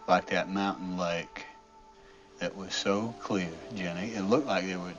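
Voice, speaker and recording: An actor playing a gentle, slow-witted Southern man reminiscing, with a lowland South Alabama accent and a halting, wistful way of talking. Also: steady tone. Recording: dull film audio with music.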